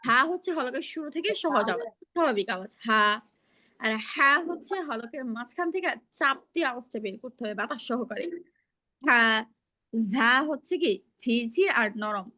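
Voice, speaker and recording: A woman's voice: fairly high pitch, lively intonation, normal speed, sharp tone. A woman teaching pronunciation in an online class, patiently explaining and modeling each sound over a video call.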